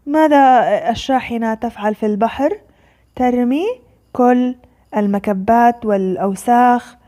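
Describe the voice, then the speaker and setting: Brief: young female teacher, slow sing-song quizzing of kids, mellow and a touch high. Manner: slow, sing-song questioning then answering herself. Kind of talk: online language lesson for young children.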